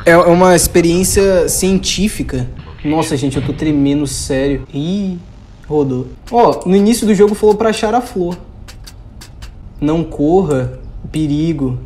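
A woman's voice: on the low side, lively intonation, a little mellow, a little hiss or hum. A young Brazilian woman commentating a horror game, panicking in bursts and repeating exclamations. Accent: Brazilian Portuguese. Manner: jumpy, panicky outbursts, rapid repeated exclamations. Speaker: gaming youtuber.

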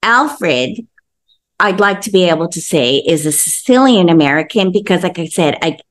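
A woman's voice: fairly low pitch, expressive, normal speed. A middle-aged woman hosting an interview over a video call from her home, curious and asking questions with rambling asides. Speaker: interviewer, magazine host. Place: home room indoors. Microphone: video call webcam.

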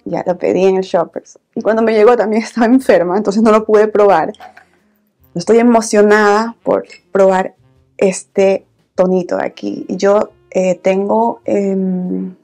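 A woman in her thirties talking softly and intimately, in a casual makeup-vlog chat. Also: gravelly. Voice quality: soft-spoken. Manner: soft, low-volume talking, intimate. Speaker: beauty vlogger, host. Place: small indoor room, filming setup.

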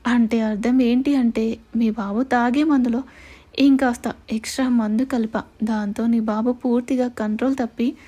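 A woman's voice: on the high side, fairly even intonation, normal speed, mellow, lightly acted. A woman voicing a cold, gloating male villain. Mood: menacing. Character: vengeful middle-aged male villain gang boss.

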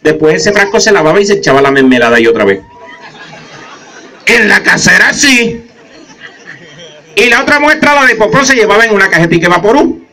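High, bright-voiced comedian. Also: male voice, a little fast, pauses often, a faint crowd, rough recording. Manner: animated, acts out voices of characters. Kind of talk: stand-up storytelling.

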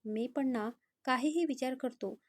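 A woman's voice: high-pitched, unhurried, dry recording. A woman voicing a moody young male college student talking to himself in a storybook reading. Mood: brooding. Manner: musing to himself.

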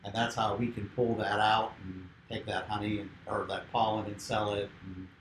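A man, a beekeeper, explaining hive work in a relaxed, casual discussion. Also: fairly low pitch, moderate pace, echoey room, slight background noise, poor audio.

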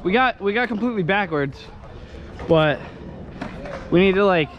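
Excitable young man, high voice, noisy outdoors. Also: normal speed, lo-fi sound. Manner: excitable, swears, laughs at himself. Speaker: scooter rider filming himself. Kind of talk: casual self-filmed vlog commentary. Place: outdoor skatepark. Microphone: action camera on handlebars. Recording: noisy outdoor camera audio.

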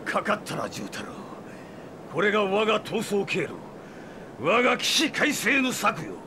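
A man's voice: high voice, wildly swooping pitch, normal speed, noisy background. An actor playing a cruel, megalomaniac vampire villain in a Japanese audio drama, theatrical and gloating, drawing out his menace. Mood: gloating triumph. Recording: music bed under the voice.

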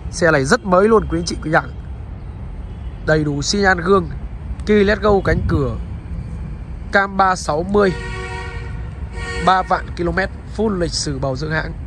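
A man's voice: high-pitched, moderate pace, long pauses, a bit bright, faint music behind. A man narrating a used car sales walkaround, in a dealer's patter that keeps politely addressing the viewers. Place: outdoors beside and inside a car on a roadside.

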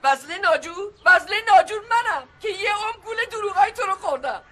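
A woman's voice: very high-pitched, animated, fairly bright tone. An actress playing a fed-up wife who bitterly scolds her lying husband in a comic TV series. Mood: scolding. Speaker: wife and mother.

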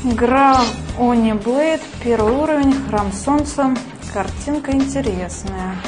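A young woman with a slightly high voice comments casually on a game. She speaks in short, halting phrases, with music clearly audible behind her. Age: young adult. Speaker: martial artist reviewing a game.

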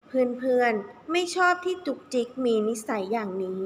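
Telling a story to young children, this kindergarten teacher uses a fairly high voice with big swings in pitch and a moderate pace. She draws out key words with plenty of expression. Faint noise and echo fill the room.

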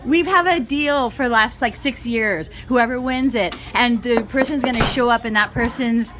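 Higher-voiced woman in heavy noise. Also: moderate pace. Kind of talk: excited casual anecdote. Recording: very noisy recording with clicks.

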